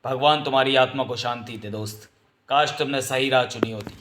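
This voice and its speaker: A man voicing a grim, merciless vigilante, speaking in low, slow threats. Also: steady tone, noisy background, lightly acted. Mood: solemn. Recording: roomy echo.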